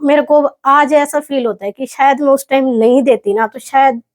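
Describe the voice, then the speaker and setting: A young woman from Haryana, telling a personal story in an interview in a soft, reflective, halting way. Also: sits high. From Haryana, India. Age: young adult. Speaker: athlete guest.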